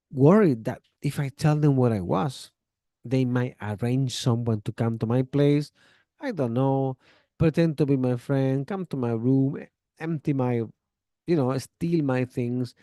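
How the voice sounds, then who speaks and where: Male English teacher, casual and chatty, warm mellow tone, mid pitch. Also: creaky, no echo, studio quality. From Chile. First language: Spanish. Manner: chatty, relaxed, gives friendly advice with acted-out example dialogues. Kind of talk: casual spoken lesson.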